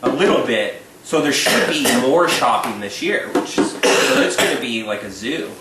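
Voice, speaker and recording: A man's voice: medium pitch, lively intonation, moderate pace. A man co-hosting a podcast in casual chat, rambling with lots of fillers and getting eager about sports. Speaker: podcast co-host. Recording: echoey room, distant mic, faint noise.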